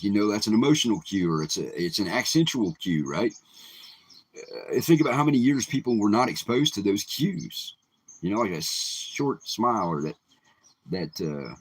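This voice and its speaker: A middle-aged man speaks in a very deep, gravelly voice with a husky edge. He talks in a loose, rambling way, often circling back and restarting his sentences. It sounds like a casual commentary to camera. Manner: rambling, many ums and restarts. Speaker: vlogger.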